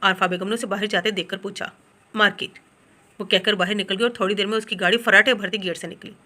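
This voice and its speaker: A woman's voice: medium pitch, fairly even intonation, fast talker, sharp tone. A woman reading a romance novel aloud as an audiobook narrator.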